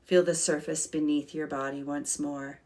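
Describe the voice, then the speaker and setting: A woman guiding a calm grounding exercise, speaking gently and soothingly in short, unhurried phrases as a meditation leader. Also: low voice.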